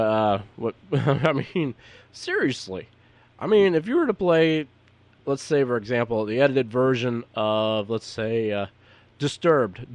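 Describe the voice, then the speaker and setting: A man's voice: medium pitch, a little mellow, no echo. A man who is a podcaster and DJ, talking unscripted and giving advice to other podcasters in a rambling, repetitive, earnest way. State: hiccups.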